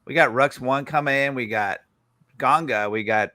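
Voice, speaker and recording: Bright, eager man jumping in. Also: medium pitch, moderate pace, no room sound, clean studio sound. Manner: enthusiastic, jumps in to interrupt. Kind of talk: casual group chat.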